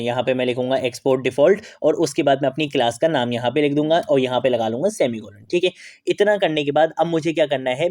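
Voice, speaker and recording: A man's voice: mid-range voice, a little mellow, no echo, studio quality. A man teaching a screen-recorded coding tutorial, explaining step by step, asking and answering his own questions and checking in often. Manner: repeats "theek hai" often as a check-in. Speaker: programming tutor.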